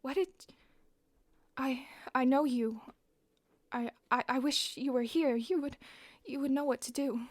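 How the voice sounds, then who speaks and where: A woman's voice: sits high, a little slow, dry recording. Woman playing a frazzled teenage time traveler. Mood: anxious. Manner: frantic, rambling inner monologue. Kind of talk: audio drama monologue. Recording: guitar music underneath.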